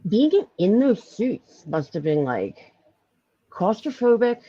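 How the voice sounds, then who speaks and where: A woman's voice: mid-range voice, takes it slowly, breathy edge, no echo, highs cut off. Chatty woman with a Philly accent. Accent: Philadelphia. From Philadelphia. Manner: chatty, lively, laughs often, many fillers. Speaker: podcast host. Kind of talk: casual live-stream chat.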